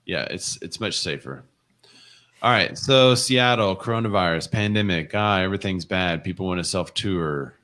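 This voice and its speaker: A man's voice: low voice, normal speed, bright, forceful tone. A man co-hosting a casual real estate livestream, chatting and reading viewer comments and news articles aloud. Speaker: co-host of a real estate show.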